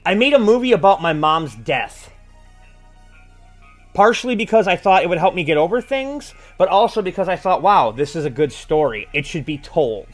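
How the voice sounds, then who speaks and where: Man, forties, high voice, livestream host, impassioned monologue, blunt sweary rant, emphatic delivery, soft music behind. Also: lively intonation, normal speed. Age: 40s. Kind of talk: impassioned monologue to an online audience.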